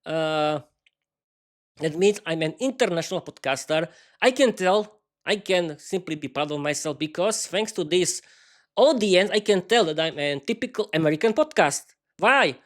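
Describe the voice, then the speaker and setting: A Slovak man speaking non-native English, hosting an unscripted solo podcast, with halting phrasing, frequent restarts and fillers, and cheerful bursts of thanks to his listeners. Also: high-pitched, fairly bright tone. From East Slovakia. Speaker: podcast host.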